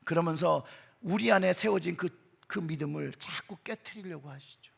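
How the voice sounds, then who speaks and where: A middle-aged male pastor giving an emphatic sermon in a church, his voice surging in pitch and loudness. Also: moderate pace, creaky, breathy edge. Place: church sanctuary.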